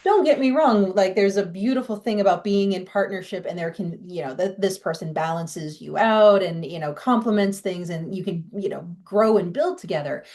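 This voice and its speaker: A woman's voice: medium pitch, moderate pace, hardly any pauses, a little mellow. A woman from the Boston area with a faint Boston accent, talking candidly and chattily as an author guest in a podcast interview. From Boston area, USA. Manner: candid, chatty, with fillers and restarts.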